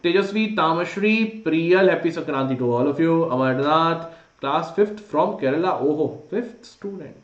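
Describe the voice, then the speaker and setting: Indian guy teaching an online class quiz, kinda high voice, urging students along, echoey and a bit muffled. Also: normal speed. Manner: informal, urging, mixes Hindi phrases into English. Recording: dull, roomy, echoey sound.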